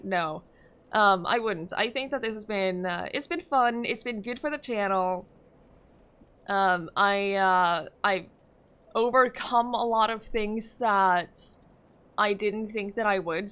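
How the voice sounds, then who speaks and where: A young Norwegian woman streaming a game chats casually with her chat, answering their questions. Her medium-pitched voice is a bit bright, and she fills pauses often and laughs a little.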